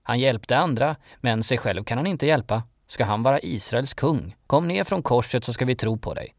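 A man voicing scornful, mocking chief priests in a Bible story reading, in a low, gravelly, everyday voice. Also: expressive, no echo, studio quality.

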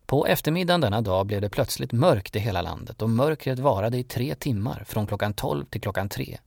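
A man narrating a Bible story in a steady, measured reading. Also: mid-range voice, vocal fry, no echo, clean studio sound.

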